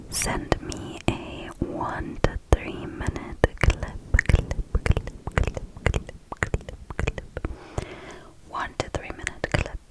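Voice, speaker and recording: A woman whispering casual ASMR chit-chat very close to the mic, in a sleepy manner, sometimes repeating words for tingles. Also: poor audio. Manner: slow, sleepy delivery. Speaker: host of an ASMR channel. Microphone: close mic, right by the mouth.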